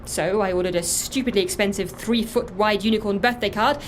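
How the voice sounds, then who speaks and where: A woman with a mid-range, near-everyday voice speaks a little fast over slight background noise. She's an actress in a naturalistic audio drama, playing an earnest, guilt-ridden woman who is secretly running a dead man's life. Her tone is matter-of-fact and confiding as she confesses and justifies herself.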